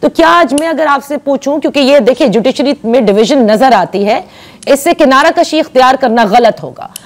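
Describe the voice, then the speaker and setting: A woman's voice: high-pitched, expressive, moderate pace. A woman news anchor with a Pakistani Urdu accent, pressing her guest with pointed questions in a studio interview.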